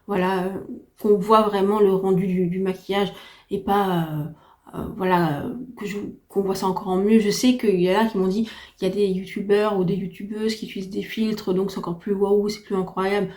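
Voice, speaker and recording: Her voice unsteady and giving out from a heavy cold, a woman delivers a chatty, enthusiastic beauty review to camera, repeating her emphasis. She speaks at medium pitch and normal speed, with a darkish tone and little pitch movement, as a beauty vlogger doing a casual product review.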